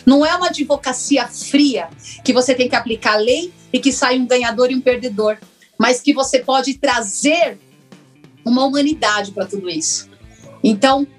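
A woman, a former lawyer now working as a therapist, telling her personal story in an interview in a reflective, earnest way with many pauses. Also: high-pitched, faint music behind. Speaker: interview guest, former lawyer turned systemic constellation therapist.

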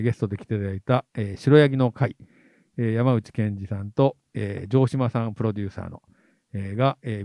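Brisk, chatty man leading the talk. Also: lowish voice, dark tone, no echo. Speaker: podcast host. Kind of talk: casual chat about plays.

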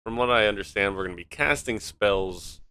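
A young man, a game show contestant, making deadpan joking quips in casual banter. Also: on the low side, fairly quick, clean tone.

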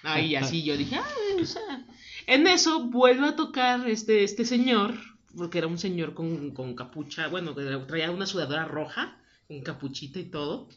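Animated Mexican woman telling a story. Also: moderate pace. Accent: Mexican Spanish. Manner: animated storyteller, acts out quotes with big pitch jumps. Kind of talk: casual chat, telling a scary anecdote. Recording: dull lo-fi audio.

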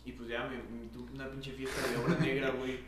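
A man's voice: mid-range voice, level tone, fairly quick, a loud crowd. A young man with a Mexican accent telling rambling stories in slang among friends. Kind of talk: casual chat among friends. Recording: very echoey room with noise.

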